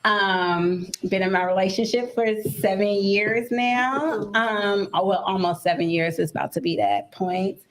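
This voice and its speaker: A woman panel guest introducing herself in a hesitant way, with many pauses and ums. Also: mid-range voice, a crowd in the background. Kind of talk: casual self-introduction.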